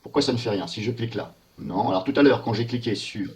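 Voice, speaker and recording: A man narrating a screen-recorded software walkthrough, thinking aloud and muttering in puzzlement as he clicks through menus. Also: mid-range voice, fast talker. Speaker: software tester.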